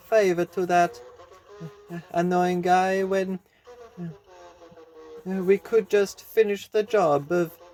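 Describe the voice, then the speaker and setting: A man's voice: high voice, darkish tone, pitched above the performer's own voice, low-quality recording. A man doing an exasperated young game hero. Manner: indignant, complaining.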